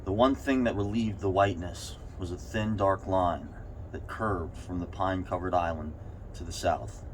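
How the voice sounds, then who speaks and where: A man reading a short story aloud with deliberate, paused phrasing while sitting in the cold of an ice bath. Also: sits low. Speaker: reader. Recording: steady background noise.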